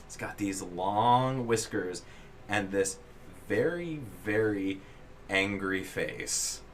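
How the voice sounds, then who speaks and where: A man narrating a tabletop role-playing game to his players as game master, building scenes in halting, drawn-out descriptions. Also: lowish voice, a little hiss or hum.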